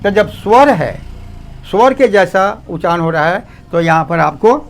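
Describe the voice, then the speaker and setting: A man teaching a grammar lesson, slow and repetitive, often asking students to pay attention. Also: sits high, lively intonation.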